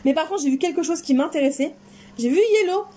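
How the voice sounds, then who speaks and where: A woman's voice: high voice, quick pace, dark tone. A woman chatting casually and enthusiastically while unboxing craft supplies in her vlog. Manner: enthusiastic, chatty, exclaims often. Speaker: crafting vlogger.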